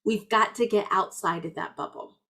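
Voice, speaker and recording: A woman's voice: medium pitch, normal speed. Earnest woman business coach. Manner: earnest and encouraging, with warm asides. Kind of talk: motivational talk.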